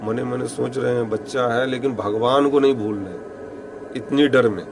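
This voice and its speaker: A man narrating a first-person ghost story in a rustic, halting storytelling manner, his voice often dropping low and hushed. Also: steady tone, background noise. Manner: rustic storytelling, many pauses, some quoted lines spoken low and hushed.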